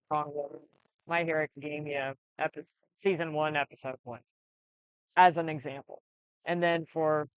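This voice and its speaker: A channel creator rambles through a casual update, stopping and restarting often. The voice is smooth and clear. It sits close in a dry, slightly dull lo-fi recording. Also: mid-range voice, dry recording. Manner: halting, rambling, many restarts.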